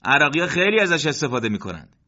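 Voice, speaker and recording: A man voicing a jokey, easygoing male soldier who talks in a slow drawl. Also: a little high, sing-song, sharp tone, voice pushed up. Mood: amused. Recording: dull lo-fi recording.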